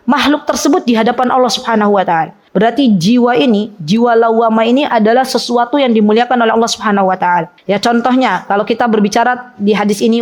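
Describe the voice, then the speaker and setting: A woman giving a conversational religious lecture to a women's study circle, chatty, asking her listeners questions and acting out their regrets. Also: on the high side. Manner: chatty, asks the audience questions, acts out quoted laments. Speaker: Islamic teacher leading a women's study circle.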